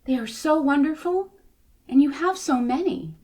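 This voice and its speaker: Small blue storybook fish, female reader performing: young male, high, eager, imploring. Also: moderate pace. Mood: pleading. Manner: pleading, excitable. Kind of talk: children's storybook character voice.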